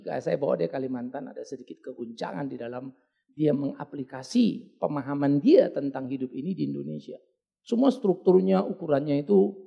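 Middle-aged guy preaching, husky voice, super lively up and down, chatty slangy sermon stories. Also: on the high side, lo-fi sound. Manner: animated, colloquial, mixing in English words; dramatic swings between quiet asides and loud outbursts. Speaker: pastor. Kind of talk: storytelling sermon. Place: church service.

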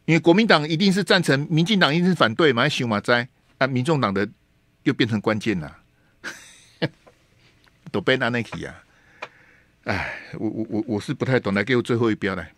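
A radio talk show host with a Taiwanese Mandarin accent delivers emphatic political commentary packed with rhetorical questions, dropping in Taiwanese Hokkien words. His medium-pitched voice runs a little fast with frequent pauses, recorded dry on a studio microphone in a radio studio.

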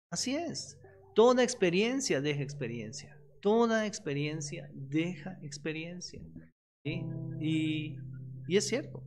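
A man preaching on the radio with a Mexican Spanish accent, telling stories and acting out the voices of the people in them. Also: a little high. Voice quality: animated storyteller who acts out quoted voices. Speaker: pastor and radio host. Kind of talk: radio sermon. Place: radio studio.

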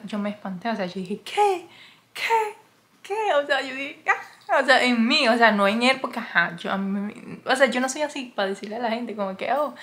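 A woman vlogger chats to her phone camera indoors, her voice sitting a little on the high side. She rambles through a story with plenty of fillers and breaks into sharp, high exclamations. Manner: chatty, full of fillers, exclaims in high yelps. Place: indoors, wrapped in a blanket in a cold room.

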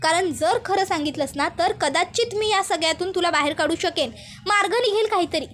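A woman voicing a young sister-in-law who scolds and reassures firmly, in a very high voice. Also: fairly quick, fairly bright tone, a little hiss or hum.

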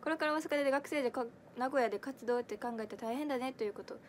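A high-voiced young woman in her twenties from Kansai, Japan, speaking with a Kansai accent, talks very fast on a casual livestream where she reads viewer comments. An idol audition livestreamer, she's chatty and giggly, full of fillers, answering comments as she reads them. A little hiss or hum runs underneath.

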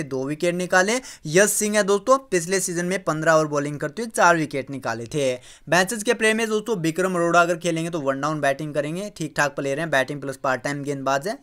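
A man with a fairly high voice gives fantasy cricket tips in a casual voice-over. He runs through players' stats one after another and keeps calling his listeners friends. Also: fairly bright tone. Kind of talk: casual talk over screen recording.

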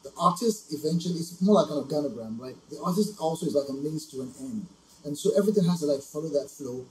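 A man's voice: fairly high pitch, lively intonation, quick pace, a little mellow, roomy sound, slight background noise, poor audio. Earnest man explaining music production. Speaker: music coach co-host. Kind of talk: casual reaction commentary.

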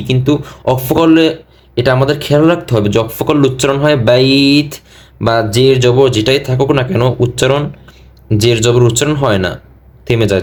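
A man teaching Quran pronunciation with a Bangladeshi Bengali accent, who chants the words slowly in a higher voice and then explains them quickly in a lower one. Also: a little mellow. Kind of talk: slow drawn-out recitation with fast spoken explanations.

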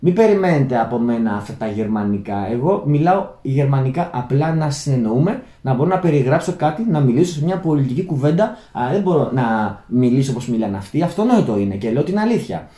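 A man's voice: mid-range voice, lively intonation, few pauses, warm tone, echoey room. A Greek man talking unscripted to his viewers, rambling with many restarts and calling out to his friends. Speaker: channel host. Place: Germany, indoor room.

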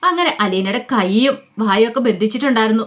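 This is a woman narrating a family drama in a relaxed, spoken way. Her voice sits fairly high, and she slips into each character's lines without changing much. The telling feels informal and conversational. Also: fairly quick. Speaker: storyteller. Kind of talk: casual spoken story narration.

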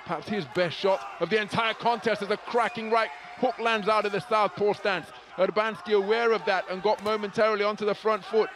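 A man giving live boxing commentary, fluent and articulate play-by-play with vivid wording. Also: sits high.

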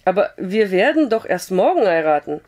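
A hoarse woman voicing a shy, kind young male rancher who talks gently and stumbles over his words. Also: medium pitch, very animated, normal speed. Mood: flustered. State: hoarse with a cough.

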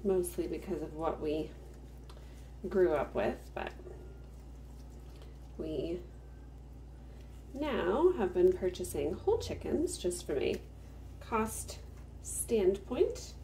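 Woman home cook, calm how-to narration, animated pitch, recorded by a distant camera in an echoey kitchen. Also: a little hiss or hum. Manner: unhurried step-by-step explaining while working. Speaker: home cook, farmstead channel host. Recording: roomy kitchen sound from off-mic.

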